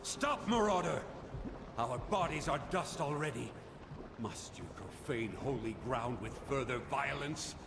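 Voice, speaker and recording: An actor playing a grave, aggrieved old ghost in a video game, with a tired old voice and a solemn, reproachful manner. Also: male voice, medium pitch, animated, unhurried. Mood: indignant, stern. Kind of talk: dramatic video game acting. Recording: echoing cavernous reverb, clear background noise.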